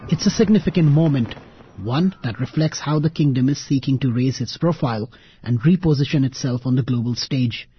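A man with a husky voice presenting a scripted radio documentary. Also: medium pitch, a little fast, lo-fi sound.

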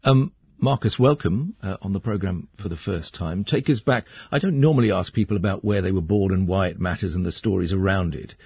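A man hosting a radio current affairs programme, measured and conversational with occasional hesitations. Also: deep voice, vocal fry, breathy edge, no room sound, dull audio. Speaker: radio host.

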